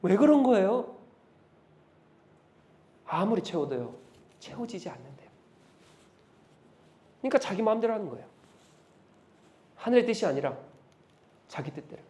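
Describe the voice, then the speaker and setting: High-voiced, emphatic male preacher. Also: sing-song, normal speed, long pauses. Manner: emphatic, rhetorical questions, swings from loud to hushed. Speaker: pastor. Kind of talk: sermon.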